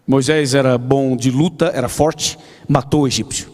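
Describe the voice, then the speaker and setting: A man's voice: mid-range voice, fairly even intonation, normal speed, a little mellow, big-room sound. A man, a pastor, giving an evening prayer sermon in a conversational storytelling way, often asking his listeners questions.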